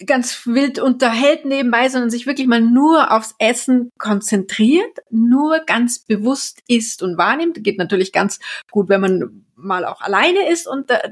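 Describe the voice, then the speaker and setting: A woman with a slightly raised pitch explains mindfulness practices on a podcast. She talks the listener through each step gently, addressing them directly. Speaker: podcast co-host, works with children. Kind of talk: casual podcast conversation on mindfulness.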